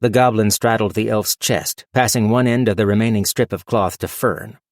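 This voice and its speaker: A man reading a fantasy audiobook as narrator in a steady, measured storytelling manner. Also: fairly low pitch, no room sound, clean studio sound. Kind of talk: scripted narration.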